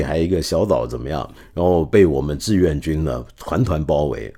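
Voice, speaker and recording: Animated low-voiced man telling stories. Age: middle-aged. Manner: animated, acts out quotes with laughs. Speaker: podcast host. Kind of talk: casual storytelling talk.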